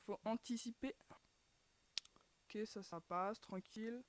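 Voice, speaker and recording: A woman runs a gaming channel, talking her way through gameplay in a slightly high voice and taking it slowly. She's chatty, leans heavily on fillers and restarts, and sighs "too bad" at every failed try, with a little hiss or hum in the background.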